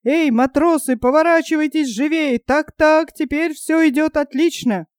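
A woman's voice: sits high, moderate pace, dry recording, studio quality, voice pushed up, lightly acted. A woman playing a bragging cowardly sailor-companion. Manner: fussy, bragging bluster. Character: boastful, cowardly male companion, chattering.

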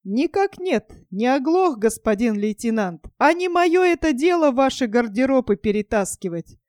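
A woman voicing an unhurried, cheeky male soldier answering back to an officer. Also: fairly high pitch, very animated, a little mellow, dry recording, clean studio sound.

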